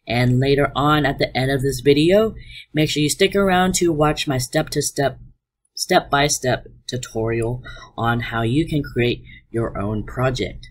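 Guy art teacher doing an online lesson over slides, kinda breathy, cheerful. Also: medium pitch. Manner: upbeat, explanatory, speaks to students.

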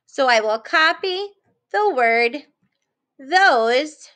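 A woman teaching an early-reading lesson to young children, slow and encouraging, with playful excited gasps. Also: fairly high pitch.

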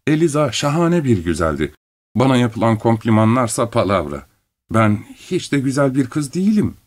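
Lavinia: a man voicing a calm woman of 37. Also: medium pitch, normal speed. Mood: calm, dismissive. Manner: steady, reasoning, unbothered. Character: calm, sober 37-year-old unmarried woman. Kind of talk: audiobook character reading.

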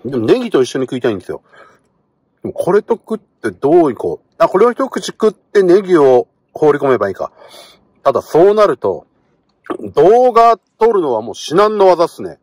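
Excitable man with a husky voice. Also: a little high, brisk, no room sound. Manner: excitable, talks to camera while eating. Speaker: vlogger. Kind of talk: casual car-camping vlog. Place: inside a parked car.

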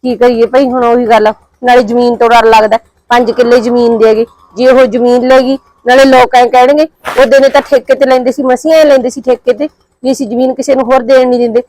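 A woman's voice: on the high side, flat delivery, fast talker, a little mellow, dry recording, natural voice, low-quality recording. A woman playing an anxious young housewife with a Punjabi accent, muttering her worries to herself. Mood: worried. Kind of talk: drama monologue.

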